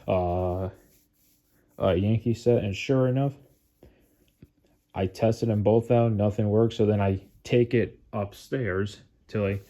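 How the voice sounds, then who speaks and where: In a casual monologue recorded by the stairs at home, a model train vlogger sounds close to tears, sighing and downcast. He speaks slowly in a mellow, lowish voice with fairly even intonation, pausing often and rambling through "like" fillers and restarts.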